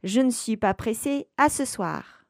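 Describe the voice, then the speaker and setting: A woman's voice: on the high side, expressive, a little slow, gravelly, no echo, clean studio sound. A woman voicing a spiteful old female witch in a sneering, mocking tone. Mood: commanding.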